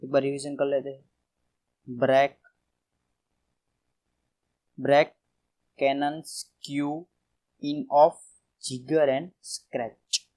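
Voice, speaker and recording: A man's voice: medium pitch, level tone, drawn-out words, long pauses, warm tone, rough recording. Man reading out exam word lists. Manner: reads word lists aloud, stresses each term. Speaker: quiz teacher. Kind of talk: exam revision lesson.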